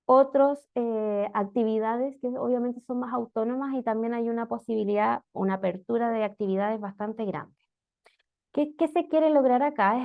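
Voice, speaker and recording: A woman's voice: a little high, creaky. A woman giving an online lecture on teaching reading, explaining step by step and often checking in with "¿ya?". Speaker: special education instructor. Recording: muffled lo-fi audio.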